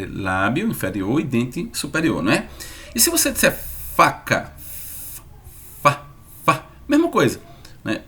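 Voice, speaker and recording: A man with a mid-range voice teaches an online lesson in a lively way. He repeats sounds slowly to demonstrate them.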